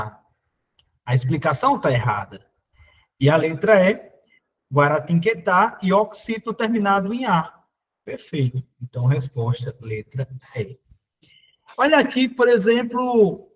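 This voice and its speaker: A man's voice: a little high, breathy edge, lo-fi sound. A man with a Brazilian Portuguese accent teaching an exam prep class, working through questions and talking straight to his students. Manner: talks to students directly, pointing at the board, asks "né?" often. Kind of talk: live online class solving exam questions.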